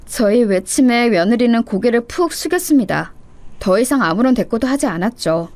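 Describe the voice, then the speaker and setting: Woman narrator, slightly high voice, steady confessional story reading. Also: normal speed, no room sound. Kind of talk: first-person story narration.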